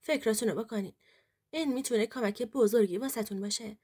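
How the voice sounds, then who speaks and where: A woman reading as a calm, scheming male lawyer. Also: fairly high pitch, close to an everyday voice. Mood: persuasive. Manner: measured, reassuring advice.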